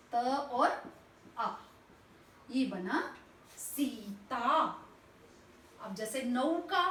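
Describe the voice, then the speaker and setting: A woman teacher slowly and patiently spelling out words sound by sound, asking and answering her own questions. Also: sits high, far from the mic. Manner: slow, patient, spells out each sound step by step. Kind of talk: classroom lesson explaining spelling. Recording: echoey room, voice off-mic, faint background noise.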